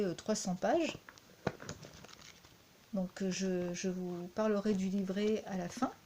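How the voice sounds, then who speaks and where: Slow, mellow-voiced French woman. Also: mid-range voice, slight background noise. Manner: hesitant, many fillers and repeated words. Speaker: card deck reviewer. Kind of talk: unhurried spoken review.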